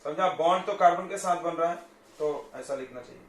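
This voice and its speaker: A man's voice: a little high, fairly quick, distant mic. Man teaching chemistry in an echoey classroom. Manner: explains step by step, often checks students follow. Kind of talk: classroom lecture at a whiteboard. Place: coaching classroom.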